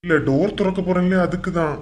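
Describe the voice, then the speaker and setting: A woman's voice: on the low side, fairly quick, darkish tone, close to an everyday voice. A woman doing a whining henpecked cartoon husband. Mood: grumbling. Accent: Kanyakumari Tamil. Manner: whining, pleading.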